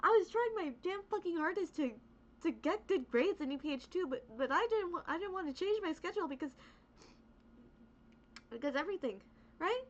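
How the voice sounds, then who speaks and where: A young woman whose first language is Spanish rants casually and profanely as a VTuber streamer, her very high voice animated and brisk yet broken by long pauses. She rambles, sprinkling in "like" and "right?" throughout. The recording sounds dull and lo-fi.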